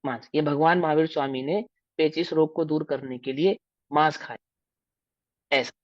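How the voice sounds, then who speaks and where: A man's voice: fairly high pitch, fairly even intonation, normal speed, no room sound. Man, Hindi accent, religious lecture, question-and-answer teaching, dry, muffled recording. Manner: explanatory, asks the listeners questions and answers them. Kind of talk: scriptural lecture to a class.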